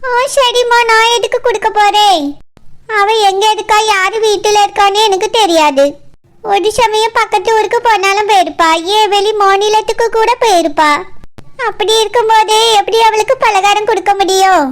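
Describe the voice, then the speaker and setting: Woman doing scheming old cartoon granny, Kanyakumari accent, very high squeaky voice, drawn-out sweet talk. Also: fairly even intonation. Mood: insistent. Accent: Kanyakumari Tamil. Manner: coaxing, drawn-out endearments. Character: scheming old grandmother, sweet-talking mother-in-law.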